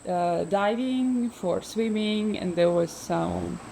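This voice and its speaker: As a freediver guest in a relaxed interview, a Ukrainian woman who is likely in her thirties speaks hesitantly, using many fillers and laughing often. Her lowish voice is slow with vocal fry, and the background is noisy.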